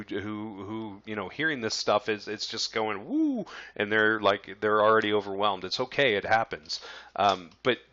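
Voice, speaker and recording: A man's voice: lowish voice, bright, forceful tone, highs cut off. A man teaching a casual marketing lesson, talking to his viewers in a loose, conversational way with many fillers and restarts. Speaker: business coach.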